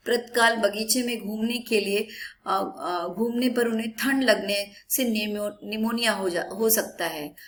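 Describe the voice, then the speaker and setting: A woman's voice: mid-range voice, a bit bright. A woman teacher explaining a text lesson for exam students, putting hard words into plain ones, with fillers and self-corrections along the way. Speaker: Hindi teacher.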